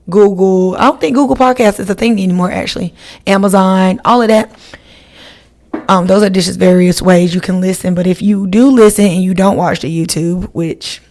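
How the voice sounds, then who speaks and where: She's a podcast host with a medium-pitched, darkish-toned voice, talking chattily and loosely to her listeners on her own. It's a casual, one-person podcast conversation.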